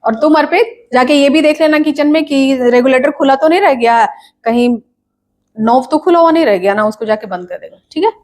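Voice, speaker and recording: A woman playing a complaining, scolding mother in a comedy sketch, nagging in quick bursts. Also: sits high, darkish tone, close to an everyday voice.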